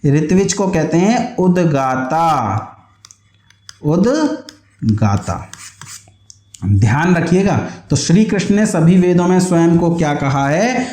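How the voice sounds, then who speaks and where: A high-voiced Indian man lectures an exam-prep class on exam questions, repeating key points didactically so students can memorise them. His voice is a little mellow and carries a noticeable roomy echo.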